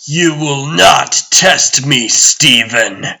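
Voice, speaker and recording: God Emperor Doom, slow and gravelly. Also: male voice, medium pitch, animated, bright, forceful tone, heavily acted. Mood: cold, menacing. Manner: grandiose, commanding, deliberate. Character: imperious, menacing male tyrant who rules as god-emperor. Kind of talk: theatrical comic-dub villain acting.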